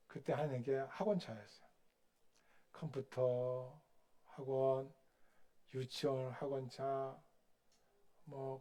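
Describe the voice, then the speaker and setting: A man's voice: mid-range voice, darkish tone. A male pastor preaching a sermon, asking the congregation questions and telling stories with acted-out quotes. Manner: questions the congregation and waits for answers; storytelling, acting out quotes.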